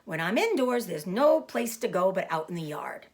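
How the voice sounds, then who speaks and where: A woman's voice: mid-range voice, very animated, moderate pace, darkish tone, lightly acted. A woman voicing a lonely, childlike young male pig in a storybook, with a plaintive, simple manner. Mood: bored, glum.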